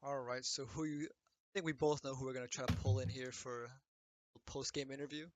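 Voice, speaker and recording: Young male color commentator, relaxed analysis. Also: medium pitch, moderate pace, background noise. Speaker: esports co-caster. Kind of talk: live game commentary.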